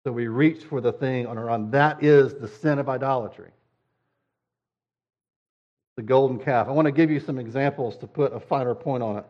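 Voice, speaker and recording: A man's voice: mid-range voice, normal speed, pauses often, a little mellow, muffled recording. A man preaching a sermon in a conversational way, sometimes acting out whiny quoted voices. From United States. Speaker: pastor.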